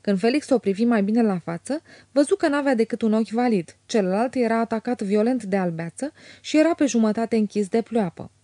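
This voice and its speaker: A woman narrating a classic novel as an audiobook in a measured, even way. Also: a little high, no room sound, clean studio sound.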